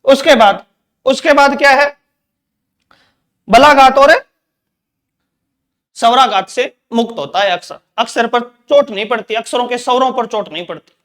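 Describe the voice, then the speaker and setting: High-voiced man teaching Hindi grammar. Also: normal speed, pauses often, fairly bright tone. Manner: repetitive, drills points with rhetorical questions. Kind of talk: exam-prep lecture.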